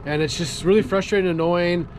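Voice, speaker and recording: A fishing vlogger in his thirties talks fast in a high-pitched voice, holding an action camera at arm's length on a small boat out on open water. Relaxed and chatty, he explains what he's doing as he goes, with boat and water noise in the outdoor camera audio.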